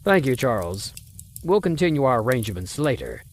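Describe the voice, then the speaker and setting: A man's mid-range, sing-song voice moves along fairly quickly as he acts the part of Mister Spencer, a stern, condescending wealthy older father who won't accept a suitor. It's an old-time radio drama by a voice actor, with a slight hiss or hum in the audio.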